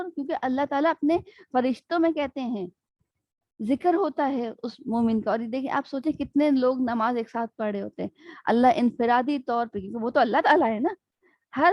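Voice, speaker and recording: A lively, higher-voiced woman teaching a religious class over a video call. She keeps checking in with her listeners and acts out small scenes as she goes. The sound is dry and a little muffled. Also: dry recording. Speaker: Islamic studies teacher. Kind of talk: interactive online religious lesson.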